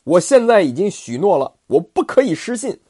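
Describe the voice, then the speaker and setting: A man voicing a proud, fearless bearded warrior general in an oral storytelling of a classic tale, declaiming slowly and haughtily in a raised voice. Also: high-pitched, very animated, warm tone, breathy edge, no echo, clean studio sound, pitched above the performer's own voice, full character voice. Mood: proud, defiant.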